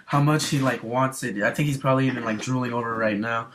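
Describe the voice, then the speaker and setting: A young man hosting a casual online interview, quick to laugh and closing with a friendly catchphrase. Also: mid-range voice, steady tone, a bit bright. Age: young adult. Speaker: host.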